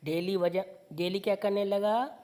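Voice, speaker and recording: A woman's voice: medium pitch, steady tone, mellow. Woman teacher, patient question-and-answer. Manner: reads verses slowly and sing-song, then explains with repeated questions. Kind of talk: online class lesson explaining a poem.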